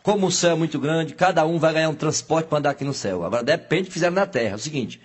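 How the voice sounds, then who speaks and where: Man, joke teller, husky voice, raised pitch, exaggerated character voices. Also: rapid-fire. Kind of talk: telling jokes to a live audience.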